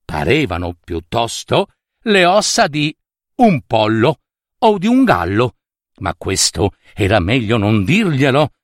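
A man from Italy narrating a fairy tale in a playful, expressive way. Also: medium pitch, takes it slowly, dry recording, clean studio sound. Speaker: storyteller.

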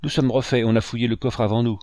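A man voicing a rough male pirate who shouts urgently down from a window. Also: medium pitch, animated, brisk, no echo, studio quality, close to an everyday voice.

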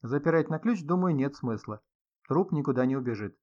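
A man voicing a calm, grim, ironic male host of a mansion, speaking dryly, on a slightly dull recording. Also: medium pitch, a little fast, close to an everyday voice.

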